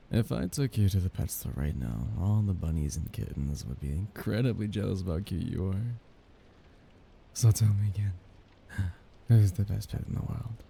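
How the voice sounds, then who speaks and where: Low-voiced and heavily acted, a man plays a doting, possessive young mafia heir for an intimate ASMR romance roleplay. He's soft-spoken and halting, slipping in breathy chuckles, with a doting, teasing mood over slight background noise.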